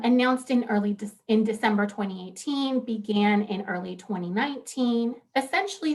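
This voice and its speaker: A woman in her thirties speaks on a legal panel, walking listeners through slides. Her voice sits at a middle pitch with a gravelly, fry-tinged texture. She talks earnestly, with plenty of ums and quick self-corrections. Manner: animated, earnest, with frequent fillers. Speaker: law professor and panelist. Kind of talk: conference panel presentation.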